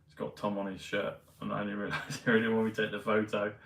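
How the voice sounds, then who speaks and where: Guy talking to camera, kinda low and monotone, wanders off a lot, roomy echo from far off the mic w faint background hum. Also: vocal fry. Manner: meandering, hesitant, many pauses and fillers. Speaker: vlogger. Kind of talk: rambling casual monologue.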